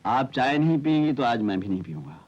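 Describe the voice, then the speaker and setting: An actor playing a gentle young Sanskrit teacher in a 1970s Hindi film, who is soft-spoken and teasingly persistent. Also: male voice, medium pitch, very animated, a little fast, husky. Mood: coaxing. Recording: dull old film soundtrack with music.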